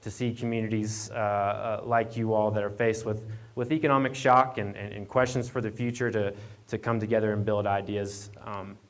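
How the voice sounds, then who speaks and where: Man with an Appalachian twang, halting delivery. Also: on the low side, flat delivery. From Appalachian Virginia, United States. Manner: halting, repeats words and restarts often. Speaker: guest speaker, economic development program manager. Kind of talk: informal conference presentation. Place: speaking to an audience at a live event, standing away from the podium. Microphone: double mic'd.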